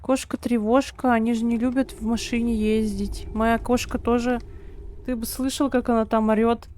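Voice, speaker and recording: Female live streamer, higher-pitched, casual chatty delivery, reacting to gameplay. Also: flat delivery, moderate pace, a little mellow, slight background noise. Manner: informal, chatty, reacting as she plays. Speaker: game streamer. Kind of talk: casual live-stream chat while gaming.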